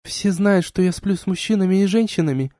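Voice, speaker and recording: A man's voice: sits high, a little fast, mellow, dry recording, studio quality, pitched above the performer's own voice, natural voice. A man reading an audiobook, voicing a confused, ashamed young woman crew member in a raised voice. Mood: distressed.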